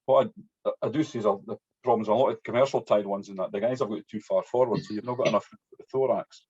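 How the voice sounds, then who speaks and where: In dull, muffled lo-fi audio, a fly-tying instructor with a strong, broad Scottish accent runs an informal hands-on demonstration, chatty and frequently adding "yeah" to his sentences. He's a fast talker with a fairly low, steady voice that is a little mellow and slightly rough.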